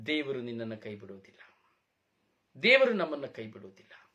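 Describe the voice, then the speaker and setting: A man preaching a sermon, emphatic, with repeated phrases and rhetorical questions, dropping to a soft low voice when he asks them. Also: huge pitch swings, fairly quick. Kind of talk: Kannada sermon.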